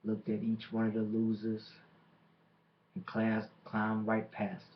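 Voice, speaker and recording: Slow, deliberate man cutting a wrestling promo. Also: on the low side, monotone, a little hiss or hum. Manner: boastful, taunting, deliberate dramatic pauses. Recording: dull lo-fi microphone recording.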